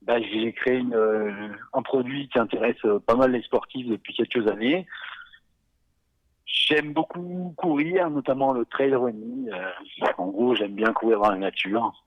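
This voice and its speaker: A man in his forties from Savoie, talking casually as a podcast guest, relaxed and hesitant, with many fillers and little chuckles. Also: mid-range voice, unhurried, dull audio. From Savoie, France. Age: 40s. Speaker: guest, beer company founder.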